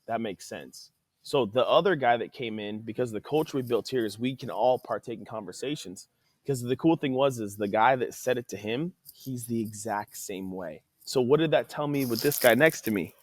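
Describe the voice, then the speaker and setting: A man who is an athletic trainer and podcast guest, telling stories in a casual, animated way and acting out quoted dialogue. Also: medium pitch, no room sound. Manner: animated, acts out quoted dialogue, says "dude" often. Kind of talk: casual conversational storytelling. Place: podcast studio.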